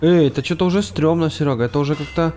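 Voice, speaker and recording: A man's voice: fairly high pitch, very fast, dark tone. Scared, jumpy man streaming horror games. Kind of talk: casual co-op gameplay commentary.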